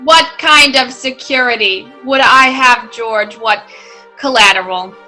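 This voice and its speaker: Merciless female tycoon, played by an actress: sharp, high voice, menacing contempt, radio drama. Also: unhurried, soft background music, poor audio. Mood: coldly mocking. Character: Miss Potter, cold, sneering, merciless female tycoon villain. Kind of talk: old-time radio play acting.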